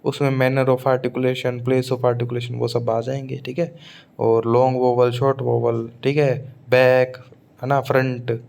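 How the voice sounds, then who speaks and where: A male English teacher with a Rajasthani accent gives an exam-prep phonetics lecture. He drills each example word by saying it aloud again and again, with a middle-pitched voice. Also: creaky, a little mellow. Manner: drills words by repeating them aloud. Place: Suratgarh, Rajasthan.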